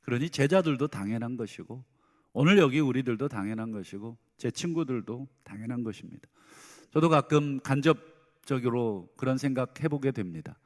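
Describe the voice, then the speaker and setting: A middle-aged man preaching a sermon as pastor, earnest, moving between soft pleading and loud emphatic bursts. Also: medium pitch, animated, normal speed. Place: church sanctuary. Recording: reverberant church hall.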